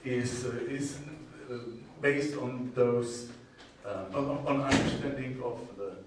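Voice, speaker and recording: A man with a Czech accent presents technical material at a conference, heard from a distance in a very echoey room. He talks slowly and hesitantly at a medium pitch, breaking his phrases with many pauses. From Czech Republic. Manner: hesitant, halting delivery with frequent long pauses. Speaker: conference presenter, university groundwater modeler. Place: indoor presentation room with strong echo. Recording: echoey hall, distant mic, faint noise.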